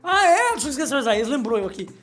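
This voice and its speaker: A middle-aged man hosts a comedic radio show. He jokes, rambles and reads news items aloud in a small studio, with his pitch swinging up and down as he talks. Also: racing, soft background music. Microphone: studio microphone.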